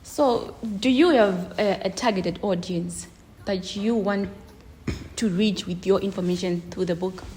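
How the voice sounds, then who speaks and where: Mellow-voiced woman interviewer. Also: mid-range voice, unhurried. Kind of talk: interview questions.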